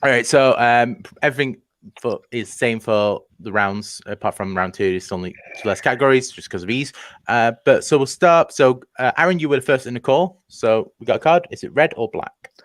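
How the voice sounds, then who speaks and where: A man hosting a casual online trivia match, jokey and running the show with quick asides. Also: medium pitch, a bit bright, dry recording.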